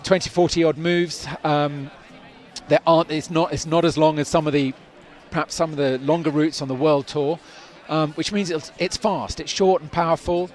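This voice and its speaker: A man whose voice is on the high side and a little mellow chats his way through live commentary and interviews at an outdoor climbing event. He rambles, using plenty of fillers and restarts, with the crowd audible behind him.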